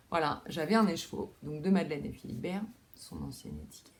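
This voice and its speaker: A woman's voice: lowish voice, a little mellow, slight background noise. A young woman hosting a knitting video podcast from home, chatting casually with lots of fillers, restarts and self-deprecating asides. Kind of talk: casual chat. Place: home room with window.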